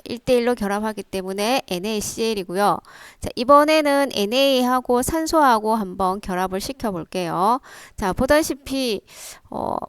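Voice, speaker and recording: A woman's voice: mid-range voice, clear, resonant tone, no room sound. A woman science teacher explaining step by step in a lecture, prompting with rhetorical questions. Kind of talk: classroom lecture.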